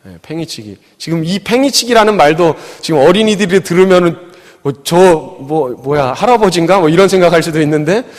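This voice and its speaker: A man's voice: a little high, animated, brisk. Man preaching to youth in a reverberant church. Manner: chatty, with many fillers and acted-out quotes. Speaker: youth pastor. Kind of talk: sermon with storytelling. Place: church sanctuary. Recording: long hall reverb.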